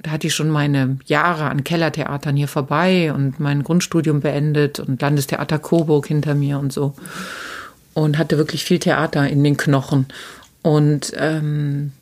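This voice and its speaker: Actress in her 50s, low deep voice, frank and lively as she recounts her career in conversation. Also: a little slow. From Germany, Solingen. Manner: frank, lively storyteller with many fillers. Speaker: actress, interview guest. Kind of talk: conversational interview, personal anecdotes.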